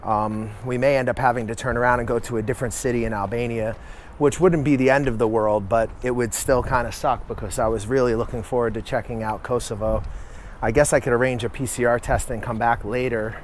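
A man's voice: medium pitch, steady tone, a little fast, a little hiss or hum. A man talking casually to camera as a travel vlogger while walking around a hilltop fortress, thinking aloud with fillers. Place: outdoors at a hilltop fortress in a city.

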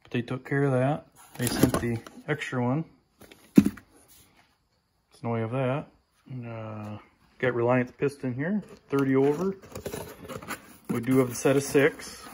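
A man giving a relaxed, plain-spoken update while filming his own project in a home garage on a handheld phone. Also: mid-range voice, slow, pauses often, background noise. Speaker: tractor restoration vlogger. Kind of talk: casual workshop update. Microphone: handheld phone camera, filming while talking.

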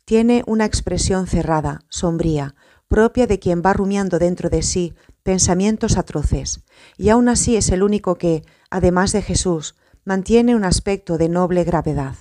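A woman narrating a religious audiobook in a measured, solemn reading style. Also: on the low side, dark tone.

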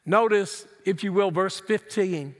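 At a measured pace and in a high-pitched voice, a middle-aged male pastor gives an emphatic, earnest sermon while seated in a large church sanctuary, gesturing widely. The recording carries the hall's long reverb.

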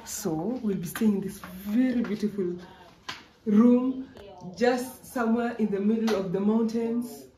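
A young Kenyan woman with a chatty, excitable manner, talking straight to viewers as a travel vlogger. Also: a little high, unhurried. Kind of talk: casual travel vlog narration. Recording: distant mic with loud road and outdoor noise.

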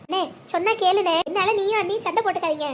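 A gentle, self-sacrificing young cartoon bride-to-be pleads through tears, voiced by a woman. The voice is very high and brisk. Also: slight background noise. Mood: pleading.

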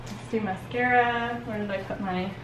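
A woman's voice: mid-range voice, steady tone, normal speed. Chatty woman makeup artist in an echoey room. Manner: chatty, laughing storyteller giving gentle directions. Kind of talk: casual chat while doing makeup. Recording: echoey room with faint noise.

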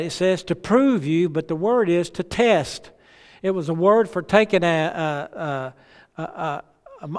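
A man's voice: a little high, smooth. Folksy male preacher in an echoing hall. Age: middle-aged. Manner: conversational, folksy storytelling. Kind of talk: revival sermon with anecdotes. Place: large church sanctuary, on stage. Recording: reverberant church hall sound.

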